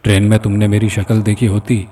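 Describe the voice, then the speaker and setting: A man's voice: on the low side, completely flat delivery, mellow, close to an everyday voice. A man reading the lines of a female spirit in a horror story, coaxing and threatening. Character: seductive menacing female spirit. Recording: distant mic with faint music.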